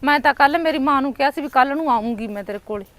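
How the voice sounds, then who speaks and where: A woman's voice: high-pitched, rapid-fire, dry recording. A woman with a Punjabi accent acting a daughter in a village short film, wailing and accusing.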